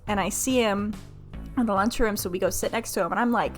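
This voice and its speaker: A woman from Florida with an American accent tells her live stream chat a candid personal story, talking a little fast in a mid-range voice over soft background music. She's animated and self-mocking, acts out quoted dialogue, and her speech is profane, slangy, and full of "like."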